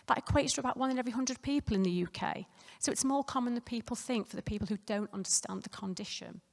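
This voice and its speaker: A fast-talking nurse with a fairly high, rough, croaky voice presents at a conference. Her delivery is conversational, packed with fillers and restarts, and the hotel conference room adds a long reverb.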